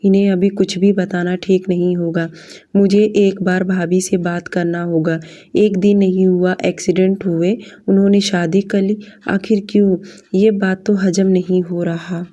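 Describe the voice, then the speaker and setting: Woman reading a kind, anxious younger brother, mellow and gentle. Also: lowish voice, little pitch movement, measured pace, lo-fi sound, natural voice. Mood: concerned. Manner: gentle, reassuring.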